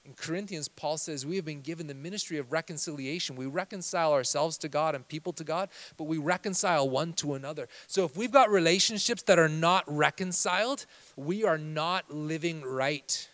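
High-voiced preaching pastor, man. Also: fairly quick. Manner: swings from soft confessional to loud fervent preaching. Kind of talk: sermon. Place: church.

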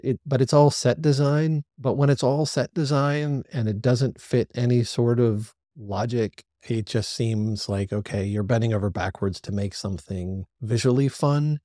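A man's voice: lowish voice, dark tone, dry recording, clean studio sound. A man hosting a solo review podcast, talking through his opinions in an analytical, opinionated way. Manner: opinionated, analytical, talks things through aloud. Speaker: podcast host reviewing a TV series.

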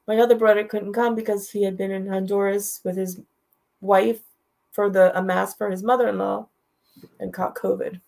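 A woman's voice: mid-range voice, flat delivery, normal speed, gravelly, a little mellow. A middle-aged woman telling a personal story as a guest, in a direct and heartfelt way, repeating her phrases. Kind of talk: emotional storytelling.

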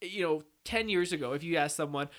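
A man on a film podcast panel, chatting casually in a rambling, jokey, excited way. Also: a little high, fairly quick.

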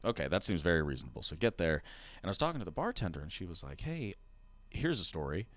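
A man's voice: low-pitched, sing-song, very fast, a bit bright. A man chatting casually as a podcast co-host, rambling with lots of fillers. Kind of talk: casual chat.

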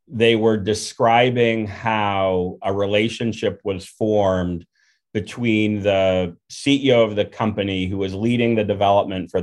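A man hosting an interview, explaining his points in a measured, thoughtful way. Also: fairly low pitch. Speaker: podcast host. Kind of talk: conversational interview.

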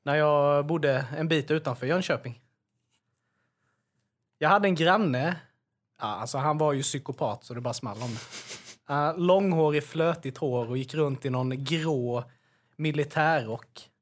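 A man co-hosting a casual podcast chat, telling anecdotes with dry irony and casual swearing. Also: a little high. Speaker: podcast co-host.

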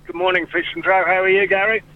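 A man's voice: high voice, flat delivery, fast talker. A man chatting casually as a phone-in caller on a radio show. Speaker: phone-in prize winner. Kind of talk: casual chat. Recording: muffled phone line, vehicle.

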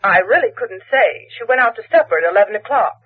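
A woman's voice: fairly high pitch, animated, fast talker, husky. An actress playing an unruffled, officious switchboard woman in 1940s radio drama, speaking in a formal, clipped, polite and impersonal manner. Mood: politely detached. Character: unruffled, officious female telephone operator and receptionist. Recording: vintage radio recording, tinny phone line.

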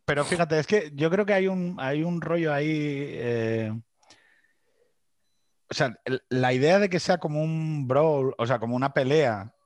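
A man's voice: a little high, a little slow, no echo. A man hosting a podcast, a father of three, chatting casually in a hesitant, thinking-aloud way. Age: young adult to middle-aged, father of three. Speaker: podcast host. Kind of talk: casual chat.

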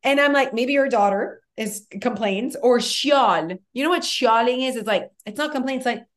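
A lively woman, chatting casually as a podcast co-host. Her voice sits a little high, and she acts out other people's words as she tells a story. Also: moderate pace. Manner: animated storyteller, acts out quoted talk. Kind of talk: casual chat.

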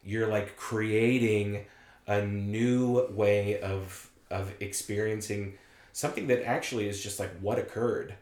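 A man's voice: lowish voice, steady tone, slow, a little mellow, reverberant. A man chatting as a podcast guest, enthusiastic and rambling, full of "like"s. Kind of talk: casual chat.

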